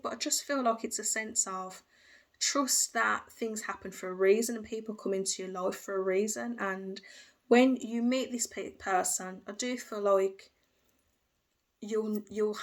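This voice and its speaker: A woman giving a casual tarot reading, talking intuitively and hesitantly with restarts and "I feel" phrases. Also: medium pitch. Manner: hesitant, hedging with frequent fillers and restarts. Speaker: tarot reader.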